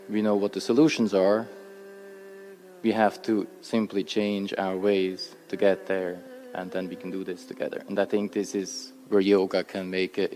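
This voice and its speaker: A man speaks in a deep, fairly flat voice, earnest and halting as he restarts his phrases. His speech rings with the long reverb of a large hall. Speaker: invited speaker at a formal event. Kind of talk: prepared speech.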